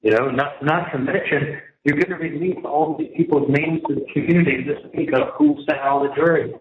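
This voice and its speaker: Calling from prison on a recorded line, this inmate speaks briskly in a fairly high male voice, recounting things at length with exasperation and plenty of repetition. It's a casual, venting phone chat picked up by the handset, sounding dull and echoey with a little noise underneath.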